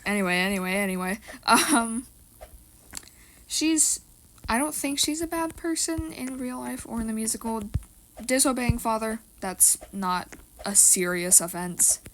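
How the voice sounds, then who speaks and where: A woman's voice: a little high, measured pace, a bit bright, a little hiss or hum, rough recording. Rambling teenage girl, casual chat. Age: teens. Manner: rambling, lots of fillers and restarts. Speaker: co-host of a rating video.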